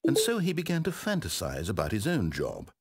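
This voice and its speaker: A British man voices a wry, exasperated, controlling storyteller who narrates a game with condescending eloquence and theatrical flair. His lowish voice swoops wildly in pitch, moves fairly quickly with a breathy edge, and commits fully to the character. The mood is wistful, like scripted storybook narration.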